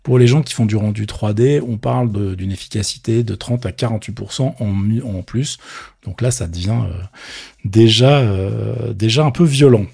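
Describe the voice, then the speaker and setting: A man's voice: lowish voice, normal speed, vocal fry, mellow, breathy edge, dry recording. A man chatting casually about tech news, slangy and loose, with many fillers and a dry, thirsty mouth. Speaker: tech commentator.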